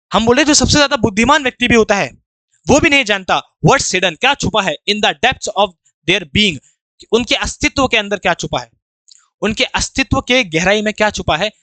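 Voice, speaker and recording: Reading English sentences word by word and then explaining them slowly, a man teaches grammar for exam preparation as an English teacher. His voice is high-pitched and fairly bright, and the recording is dry.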